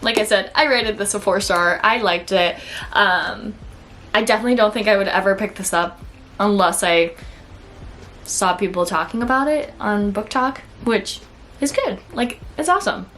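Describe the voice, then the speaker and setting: A woman's voice: medium pitch, moderate pace, a bit bright, slight background noise. Woman, Minnesota accent, casual book-review vlogger, chatty and filler-heavy, mid-range voice. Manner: chatty, fills talk with "like" and "okay?". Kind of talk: casual monthly reading wrap-up.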